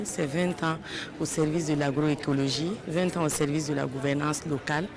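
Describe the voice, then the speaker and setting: Formal man speaking over a crowd. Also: a little high. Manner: formal, listing. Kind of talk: interview statement.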